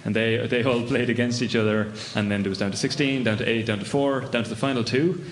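A man's voice: mid-range voice, fairly even intonation, fast talker. A man with an Irish accent, casually hosting and introducing a live comedy podcast. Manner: casual, hesitant with fillers. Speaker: podcast host. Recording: roomy live venue sound with faint noise.

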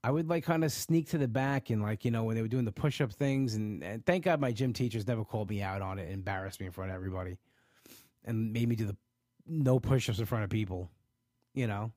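Reading viewer comments on a casual livestream, a man with a lowish, darkish voice talks fast about his weight loss. He's stuffed up from allergies and rambles, restarting often and saying "you know" a lot. The recording is dry and studio quality.

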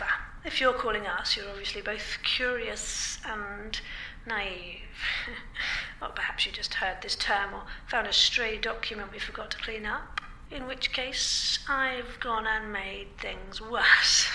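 A woman's voice: medium pitch, pushed and bright, reverberant, a little hiss or hum, heavily acted, poor audio. A woman playing a sly, menacing female corporate insider who teases and laughs as she toys with a caller. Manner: teasing, laughing, slow and toying. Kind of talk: radio drama acting.

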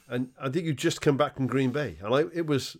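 A chatty man hosts the conversation, speaking at a middle pitch. He tells his own side of the story in a relaxed, conversational way. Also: a little fast. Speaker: podcast host. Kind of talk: casual chat.

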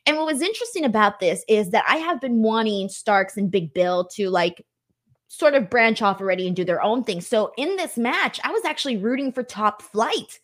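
A woman's voice: on the high side, expressive, moderate pace. A woman hosting a live wrestling stream in a casual, informal way, peppering her talk with "like" and mild swearing.

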